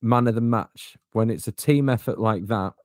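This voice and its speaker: A man's voice: fairly low pitch, moderate pace, darkish tone, dry recording, studio quality. Chatty man hosting a football podcast. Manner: chatty, hands the floor to others, teasing. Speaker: podcast host. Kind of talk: casual football podcast chat.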